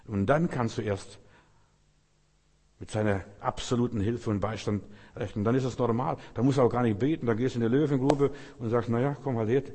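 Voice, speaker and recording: A male preacher delivers an emphatic sermon, hammering home his points through repetition. His voice is dark and mellow. It rings out with a long reverb, as if in a large church hall. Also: medium pitch, steady tone, brisk, slightly rough.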